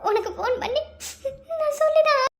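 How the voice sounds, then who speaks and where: In this cartoon love story, a frightened young woman expecting a baby pleads through tears, as a woman acts her out. Her voice sits extremely high and thin, almost childlike. She keeps sobbing as she begs. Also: a little fast. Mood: tearful pleading.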